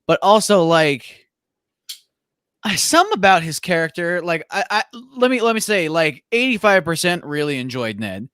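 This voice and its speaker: A man's voice: a little high, animated, normal speed, smooth, dry recording, clean studio sound. A young man co-hosting a casual movie review podcast, chatty, with lots of "like" fillers. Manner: chatty, many "like" fillers, mimics characters in a loud voice. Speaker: podcast co-host.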